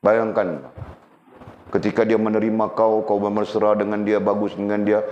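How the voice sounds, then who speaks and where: A man with a Sabah Malay accent gives a religious lecture to a class. He is animated, keeps asking rhetorical questions, repeats his words and slips in wry asides. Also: fairly low pitch, moderate pace. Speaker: religious teacher. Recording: roomy, slightly dull recording.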